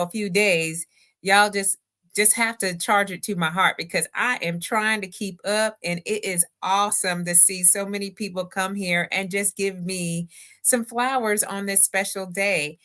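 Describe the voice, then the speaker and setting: Brief: fifties woman, upbeat talk show host, sharp bright tone, chatty, webcam sound. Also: medium pitch. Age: 50s. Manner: exuberant, chatty, reads viewer comments aloud. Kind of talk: livestream birthday talk show. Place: home room with book display.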